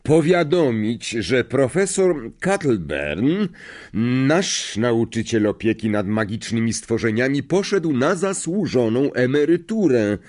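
A man voicing an elderly, genial headmaster wizard who speaks in a measured, unhurried way. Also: medium pitch, big pitch swings, darkish tone, pitched above the performer's own voice. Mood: announcing.

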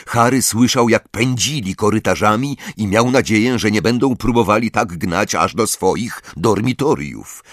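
A man's voice: lowish voice, a bit bright, dry recording, clean studio sound. A man narrating an audiobook in scripted, vivid storytelling style. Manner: vivid storytelling, voicing each character.

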